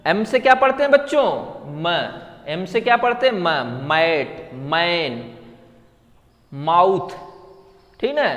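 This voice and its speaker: Guy teacher, fairly high voice, talks slow, keeps quizzing the class over and over. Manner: drills students with repeated questions and answers. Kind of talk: classroom lesson on English letter sounds. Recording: long reverb, hall-like room.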